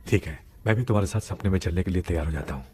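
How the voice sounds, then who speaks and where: An actor dubbing a composed male ghost expert who talks in a calm, instructive way. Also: sits low, racing, soft background music, close to an everyday voice. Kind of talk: Hindi film dubbing.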